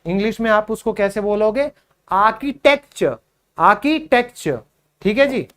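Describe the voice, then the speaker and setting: Male English teacher, beginner drills, unhurried word-by-word delivery, talks to students as friends. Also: sits high, a bit bright. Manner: drills each word by repeating it slowly; addresses learners as friends. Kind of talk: spoken English lesson for beginners.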